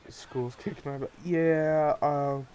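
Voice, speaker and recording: Slow and warm, his voice a little high with fairly even intonation, the teenage streamer rambles casually as he plays on a livestream. Congestion from post-nasal drip makes him nasal. The recording is low quality with slight background noise.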